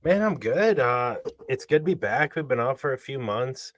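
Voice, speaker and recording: A man who does the betting picks on a sports podcast, talking in a relaxed, friendly and eager way. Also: mid-range voice, normal speed, no room sound. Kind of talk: casual sports podcast chat.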